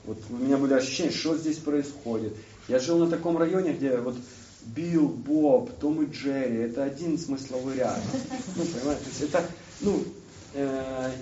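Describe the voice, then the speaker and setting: A man's voice: medium pitch, mellow, slight background noise. Man telling his story in an echoey hall. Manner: halting, searching for words, many restarts. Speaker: recovery speaker sharing his story. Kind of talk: personal testimony to a group. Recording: distant roomy hall mic, dull.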